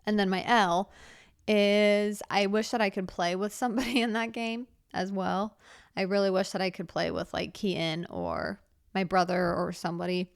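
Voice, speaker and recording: A young woman hosting a casual solo podcast, chatting in a rambling way with many fillers and restarts, and trailing off softly when she turns reflective. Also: mid-range voice, fairly even intonation, moderate pace, smooth, dry recording, studio quality. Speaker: podcast host.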